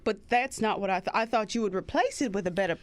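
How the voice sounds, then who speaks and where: A woman playing an unemployed Southern-born factory worker in a comic role play, with a put-on Southern accent and a soft, deferential manner. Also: mid-range voice, lively intonation, quick pace, noisy background, lightly acted. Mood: worried.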